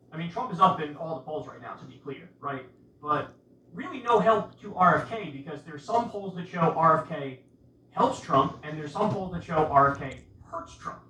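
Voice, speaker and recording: With a high-pitched, sharp voice, a man delivers laid-back political commentary, pressing the same rhetorical questions again and again. The audio feels distant and roomy, with a faint background noise.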